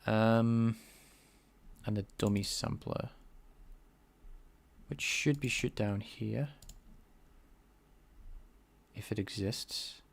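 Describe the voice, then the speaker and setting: An English man with a light Scouse accent live-streams game programming, thinking aloud and answering chat while he works. His fairly low voice has vocal fry, and he draws out words, pauses often, and enunciates carefully into a desk microphone.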